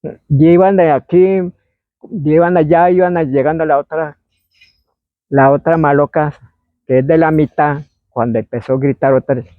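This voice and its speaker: A man, telling an oral history story in a meandering way and acting out shouts and quoted voices. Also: fairly high pitch, fairly even intonation, normal speed, pauses often, no echo. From Colombia. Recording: dry, phone-like narrow sound.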